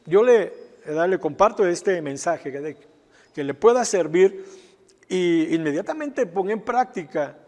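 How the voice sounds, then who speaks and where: A male pastor with a high voice tells a testimony to his congregation, often checking in with them along the way. His speech carries a long reverb, as if preached in a large hall. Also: expressive, a little slow, darkish tone. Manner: storytelling, with frequent asides asking "¿verdad?". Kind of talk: sermon testimony.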